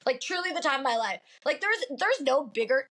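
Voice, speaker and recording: Expressive and a little fast, this high-pitched, somewhat bright voice comes from a nasal-sounding woman in her late twenties. A Pacific Northwest native, she's a podcast guest in casual chat, candid and filler-heavy.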